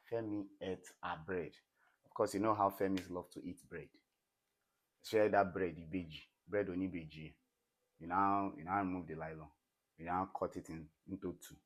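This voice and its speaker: A man with a Nigerian accent teaching an English grammar lesson in a classroom, often pausing to ask students questions. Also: low-pitched, husky. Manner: call-and-response questioning of students. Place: classroom with a board.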